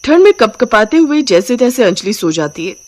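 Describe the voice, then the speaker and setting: A woman's voice: fairly high pitch, normal speed, a little hiss or hum. A woman narrating a cartoon story and voicing the characters in turn. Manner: lively, shifts voice for each character.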